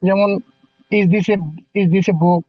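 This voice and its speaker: A man's voice: high voice, little pitch movement, drawn-out words, no echo, muffled recording. A man in an online class politely asking the teacher a question as a student. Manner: polite, inquiring.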